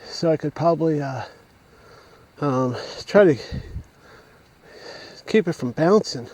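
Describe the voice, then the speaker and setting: A hiker vlogger climbs a steep mountain trail, short of breath and rambling as he thinks aloud into a camera on an extended mount for his casual narration. His voice is high and a little mellow.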